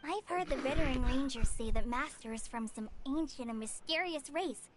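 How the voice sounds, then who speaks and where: A woman's voice: sits high, normal speed, background noise, lightly acted. An actress voicing a shy, earnest young woman trainee who stammers and apologizes politely, in a video game. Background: loud game music.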